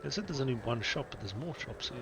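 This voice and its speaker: A man's voice: medium pitch, animated, fast, noisy background. A man streaming a game, thinking aloud in rambling, casual commentary.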